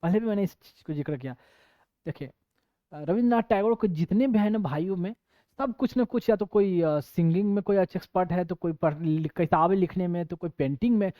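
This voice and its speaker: High-voiced chatty male lecturer, dull lo-fi sound. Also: brisk, no room sound. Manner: chatty, digressive, mixes in English terms. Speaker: exam coaching teacher. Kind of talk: casual classroom lecture. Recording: dull lo-fi dry recording.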